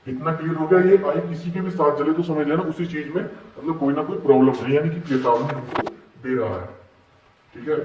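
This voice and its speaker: A man explaining warning symbols to learners in a patient, step-by-step way, often asking whether it is clear. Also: on the high side, a little mellow, echoey room, distant mic, a little hiss or hum, low-quality recording. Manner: patient, checks understanding with repeated questions. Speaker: instructor explaining dashboard warning signs. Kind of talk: classroom-style explanation.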